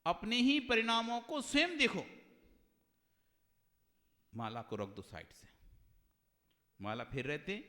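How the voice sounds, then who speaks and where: A man preaches slowly in a devotional sermon, his fairly high, bright voice ringing through a hall with a long reverb. He drops to hushed low asides, then climbs to loud, lively calls that repeat each phrase. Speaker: Jain monk preacher.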